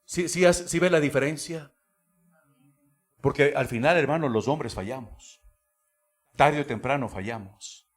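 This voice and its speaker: A man pastor preaching a sermon in a church, with emphatic delivery that swings from hushed asides to shouted exclamations. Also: mid-range voice, a little slow, long pauses, faint music behind. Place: church sanctuary.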